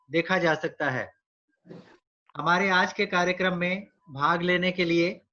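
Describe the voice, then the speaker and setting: Guy hosting an online poetry event, formal and measured, crisp voice, muffled lo-fi sound. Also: sits high, bright, forceful tone. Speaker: host. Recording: dull lo-fi online audio.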